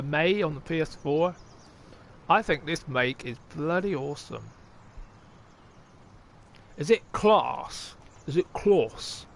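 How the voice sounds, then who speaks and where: A man's voice: fairly high pitch, a bit bright. Chatty man rambling over a farm game. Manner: rambling, thinks aloud, chats to viewers, casual swearing. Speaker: game streamer. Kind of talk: casual live-stream chat while playing.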